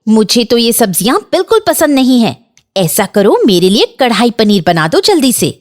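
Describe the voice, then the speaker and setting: A woman's voice: fairly high pitch, big pitch swings, normal speed. A woman voicing a bossy, demanding older aunt in a Hindi cartoon, complaining and scolding.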